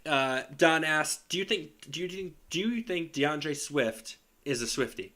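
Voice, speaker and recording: Hoarse guy, sick and coughing, reading listener questions on a chill podcast, laughs a lot. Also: a little high, lively intonation, measured pace, sharp tone. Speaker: podcast co-host. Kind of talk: casual sports podcast chat.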